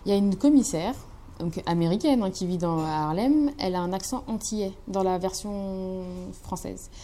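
A woman telling an example in an interview in an animated, lively way. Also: medium pitch, normal speed. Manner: animated, laughs while telling. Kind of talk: candid interview testimony.

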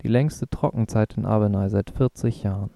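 A man's voice: fairly low pitch, fairly even intonation, moderate pace, vocal fry, dark tone, no room sound, clean studio sound. A man voicing a serious, worried male ecologist in a read-aloud story, speaking matter-of-fact.

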